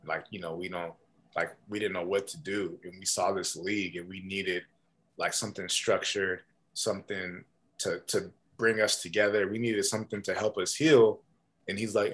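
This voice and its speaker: A man telling stories as a podcast guest in a casual, animated way, with many fillers and restarts. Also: low voice, moderate pace. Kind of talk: casual storytelling.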